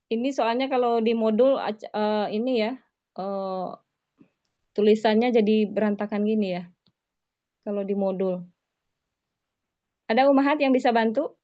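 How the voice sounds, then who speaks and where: A woman's voice: on the high side, mellow. A woman religious teacher giving an online lesson in a conversational way, tagging her phrases with 'gitu ya', heard over a video call. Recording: slightly muffled online call audio.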